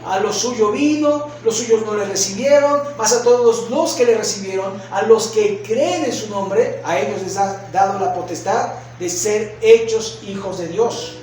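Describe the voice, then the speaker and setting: A male pastor with a Mexican Spanish accent preaching a sermon, asking rhetorical questions and acting out shouts. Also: high-pitched, unhurried, hardly any pauses, slight background noise. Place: church sanctuary. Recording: echoey church hall from far off.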